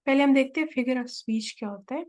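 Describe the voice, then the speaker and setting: A woman teaching a test-prep lesson, reading each English question slowly and then explaining it in Urdu-Hindi. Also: high voice, darkish tone.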